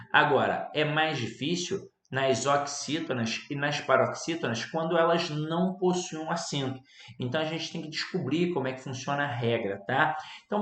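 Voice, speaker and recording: Brazilian man teaching grammar, echoey room. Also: a little high. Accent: Brazilian Portuguese. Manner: lively, stresses words loudly to show syllables. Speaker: Portuguese teacher. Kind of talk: online grammar lesson. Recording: roomy echo.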